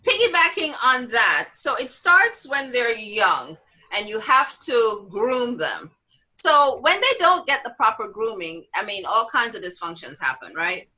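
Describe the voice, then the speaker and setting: Heard through dull audio, a middle-aged talk show host speaks at a slightly slow pace. Lively and quick to laugh, she brings her stories to life by performing quotes with dramatic leaps in her voice.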